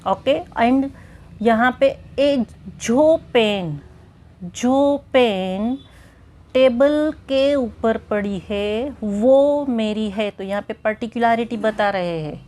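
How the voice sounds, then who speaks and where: A woman with an Indian English accent, teaching a grammar lesson at a very unhurried pace. Her voice sits a little high, and she talks patiently, going over each point again and checking that the listener follows. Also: mellow.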